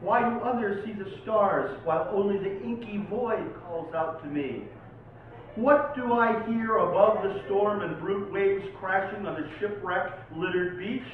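Heard from a distance at a live poetry venue, a high-voiced man from Oregon slowly reads his own poems, offering informal introductions. The recording is tinny, very echoey and carries faint noise.

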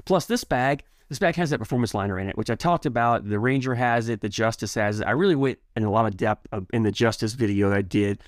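A man's voice: lowish voice, fast talker, few pauses, no echo, studio quality. A man giving a casual, enthusiastic product review, rambling a bit with restarts and repeated words.

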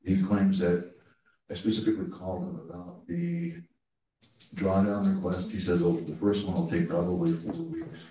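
A man giving a project update to a board committee, with many ums and pauses, recorded in a conference room from a distant camera. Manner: halting, many ums, animated pitch swings. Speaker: staff member reporting to a board committee. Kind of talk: meeting update. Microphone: far room camera. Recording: very echoey room, distant mic, faint noise.

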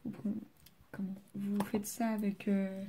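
A woman's voice: mid-range voice, flat delivery, a little slow, mellow, a little hiss or hum. A teenage girl from France doing homework on camera, chatting casually with many fillers and sometimes dropping to a murmur. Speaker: student vlogger. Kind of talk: casual study vlog.

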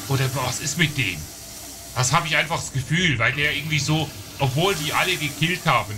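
A man giving casual let's-play commentary, chatting to his viewers and getting excited in fights. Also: a little high. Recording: game music behind the voice.

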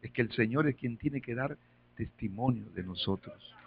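A man preaching a sermon, telling stories in quiet asides and rising to loud calls for praise. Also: mid-range voice, normal speed, highs cut off, a little hiss or hum. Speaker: pastor.

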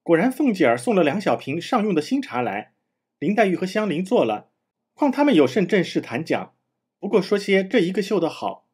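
A man reading a classic novel aloud in a measured storytelling manner. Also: high voice, a little mellow, husky.

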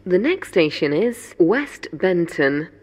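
A woman voicing a recorded onboard train announcement. She speaks in a measured, formal way, with even spacing between phrases. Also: fairly low pitch, exaggerated voice. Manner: measured, formal and evenly spaced. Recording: game audio over loud train noise.

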